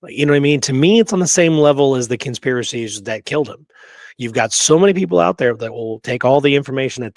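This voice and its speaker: A podcast co-host talks emphatically in a casual discussion, regularly tossing in quick rhetorical check-ins such as "right?" and "okay?". His voice sits at a medium pitch, and there's no echo.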